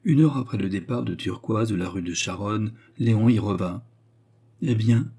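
A man narrating a novel as an audiobook in a measured storytelling manner. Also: on the low side, mellow, husky.

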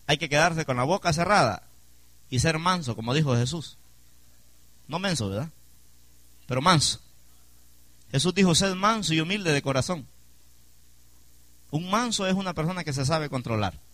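A pastor preaching with a lively, swinging delivery and a bright, forceful tone. He stays emphatic and keeps asking the congregation questions, calling for amen. His voice sits a little high and sounds dry and close. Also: moderate pace, pauses often, dry recording. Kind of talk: sermon.

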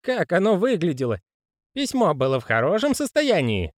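A man's voice: sits high, wildly swooping pitch, moderate pace, dry recording, clean studio sound, pitched above the performer's own voice. A man voicing a fussy, anxious old male postman in an audiobook reading. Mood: agitated.

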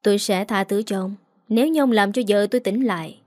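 A woman's voice: mid-range voice, fairly quick, a little mellow, no echo, clean studio sound, lightly acted. A woman voicing a cold, proud wealthy young man who speaks curtly. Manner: curt, cold.

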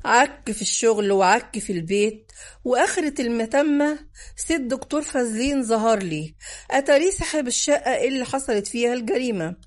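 An eager Egyptian man who loves to lecture about the old days, his voice climbing and dropping as he talks, put on by a woman narrator. It sounds like an audiobook character, pitched a little high. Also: animated, brisk, close to an everyday voice. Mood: lively. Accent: Egyptian Arabic. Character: chatty adult man, history buff and young father.

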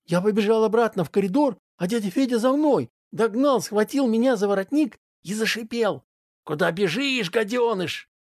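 A woman's voice: on the high side, fairly quick, hardly any pauses, dry recording, studio quality. Woman reading a story aloud. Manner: expressive reading with acted voices. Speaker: narrator. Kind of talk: storytelling narration.

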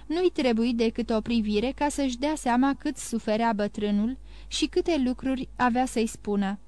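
A woman narrating a classic novel as an audiobook in a steady, measured reading. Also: fairly high pitch, no room sound. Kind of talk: scripted narration.

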